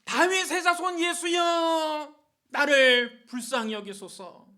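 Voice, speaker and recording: A pastor voicing a blind beggar crying out. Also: male voice, very high voice, expressive. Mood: desperate crying. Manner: loud drawn-out pleading cries.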